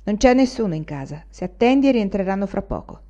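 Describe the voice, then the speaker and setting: A woman's voice: lowish voice, big pitch swings, fast talker, dark tone. A woman reading the lines of an arrogant female servant in a haughty, sneering way for an audiobook. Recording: dull lo-fi recording.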